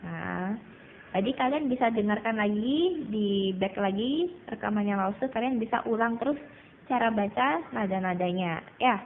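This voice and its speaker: A woman's voice: mid-range voice, moderate pace, slight background noise. A woman teaching a Mandarin class to children, patiently repeating vowel sounds to drill each tone. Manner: addresses students as children. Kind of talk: online class lesson. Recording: tinny phone-like recording.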